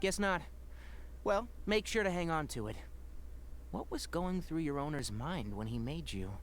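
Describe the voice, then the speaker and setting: An actor playing a composed young healer in a video game, measured and articulate with a gentle wryness. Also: male voice, fairly high pitch, lively intonation, a little hiss or hum, lightly acted. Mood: wry, kindly. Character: calm, knowing young forest healer, gently wry.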